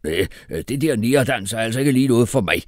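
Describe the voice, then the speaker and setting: A man voicing an odd old former mercenary who speaks slowly and stiffly. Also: medium pitch, expressive, no echo, studio quality, lightly acted. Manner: slow, drawn-out speech.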